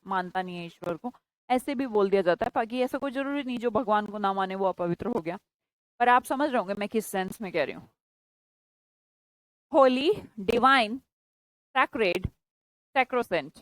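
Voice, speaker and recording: A woman teaching English vocabulary to a class in Hindi mixed with English words, stretching key words slowly and scolding students by name. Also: fairly high pitch, dry recording, low-quality recording. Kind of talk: classroom lesson.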